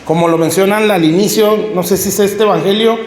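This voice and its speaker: A man's voice: high voice, fairly even intonation, brisk. A man preaching a teaching sermon, explaining step by step and often checking in with his listeners. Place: church hall. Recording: echoey hall reverb.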